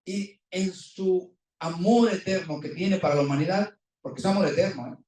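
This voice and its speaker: A man's voice: sits high, normal speed, a little mellow. Man preaching in an echoey hall. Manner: impassioned, rising and falling, rhetorical questions. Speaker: pastor. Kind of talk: sermon. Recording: echoey room, voice from far off.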